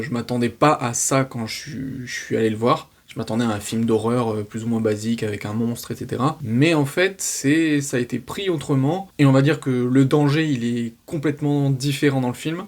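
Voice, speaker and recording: A man's voice: mid-range voice, a little mellow. A man giving a casual spoken film review, exasperated and ranting, with many restarts and fillers. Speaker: film critic.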